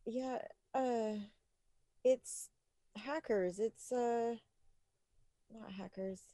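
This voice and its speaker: A woman's voice: fairly high pitch, very slow, no echo. A woman co-hosting a podcast in casual chat, laughing and swearing freely as she tells stories. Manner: swearing, laughing, animated storytelling. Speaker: podcast co-host.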